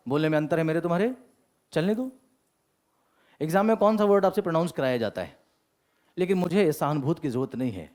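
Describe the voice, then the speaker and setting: A man's voice: a little high, a little mellow. A male English teacher giving a classroom lecture, mixing Hindi and English and asking the class rhetorical questions.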